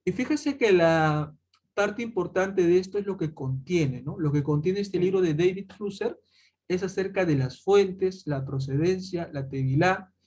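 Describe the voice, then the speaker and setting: A man gives an explanatory Bible lesson in a rather high voice. He speaks to his listeners directly, calling them "chicos", and works through points with rhetorical questions. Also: a little slow, a little mellow. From Peru. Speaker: Bible teacher.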